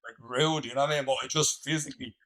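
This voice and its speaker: A man's voice: medium pitch, steady tone, fast, a bit bright, poor audio. An Irish man, a guest musician, telling a long anecdote casually, rambling with lots of fillers and laughing as he goes. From Ireland. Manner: rambling, laughs through stories, many fillers. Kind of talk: casual storytelling.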